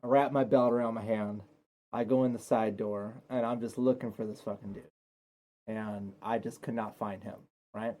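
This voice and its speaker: A man's voice: fairly low pitch, steady tone, normal speed, dark tone. A young man telling his side of a story in a laid-back, rambling, profane way as a guest. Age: young adult. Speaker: guest, host's partner. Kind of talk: casual storytelling chat.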